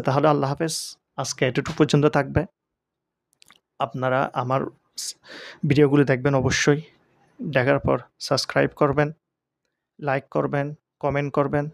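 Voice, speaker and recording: A man's voice: medium pitch, vocal fry, no echo, studio quality. A male Quran teacher, giving a pronunciation lesson and drawing out each Arabic letter. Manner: drawn-out demonstration of each letter.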